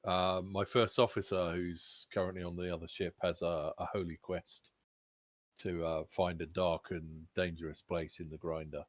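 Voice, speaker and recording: A man's voice: low-pitched, level tone, moderate pace, no echo. A man chatting casually as a tabletop game player, describing what his character says and does.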